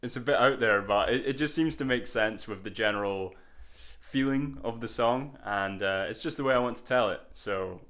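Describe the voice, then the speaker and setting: A man's voice: medium pitch, moderate pace, fairly bright tone. A man, a songwriter, talking casually in a vlog about his album, loose and rambling, often checking in with the viewer. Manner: loose and rambling, with filler words and tag questions. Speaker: songwriter sharing album progress.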